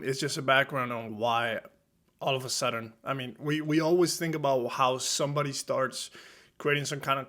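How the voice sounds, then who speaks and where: A man's voice: medium pitch, a bit bright. Spanish-accented man hosting a podcast. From Spain. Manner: reflective, loose, many fillers and restarts. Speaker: podcast host, strength coach. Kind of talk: solo podcast monologue.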